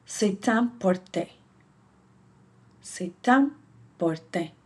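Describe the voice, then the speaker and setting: A woman's voice: medium pitch, lively intonation, extremely slow, a little mellow. A woman hosting her own channel, practicing French phrases aloud, repeating each one carefully and correcting herself; French is not her first language. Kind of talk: slow pronunciation practice.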